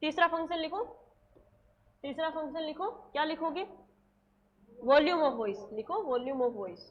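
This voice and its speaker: A high-pitched woman leads a coaching class, firing the same question again and again and answering it herself. She drops to a slow, spaced-out pace when she dictates English terms. The recording sounds a little muffled. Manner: drills students with repeated questions and answers; slows right down to dictate English terms word by word. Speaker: nursing exam coaching teacher. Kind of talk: classroom lecture, dictating notes.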